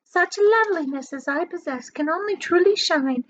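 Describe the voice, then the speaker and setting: A woman's voice: very high-pitched, lively intonation, moderate pace, dull audio, pitched above the performer's own voice. A woman voicing a vain, bossy, cruel fat aunt from a storybook, declaiming in a grand, boastful way. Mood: vain, preening.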